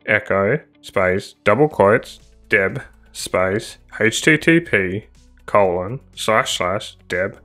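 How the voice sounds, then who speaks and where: Bright, low-pitched male tutorial narrator. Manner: slow, deliberate dictation of commands. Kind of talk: scripted tutorial voice-over.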